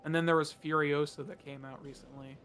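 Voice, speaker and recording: A man's voice: fairly high pitch, level tone, fairly quick, fairly bright tone, soft background music. Wry, teasing man coaching a gamer. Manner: wry, teasing, explains game mechanics. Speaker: co-host guiding the player. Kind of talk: casual game commentary.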